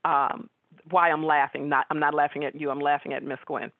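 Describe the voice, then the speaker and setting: A woman giving a webinar talk as guest speaker, chatting with the audience and pausing on fillers. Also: low-pitched, level tone, no echo. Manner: conversational, frequent fillers. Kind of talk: webinar presentation with audience questions. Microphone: video call. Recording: tinny phone-like line.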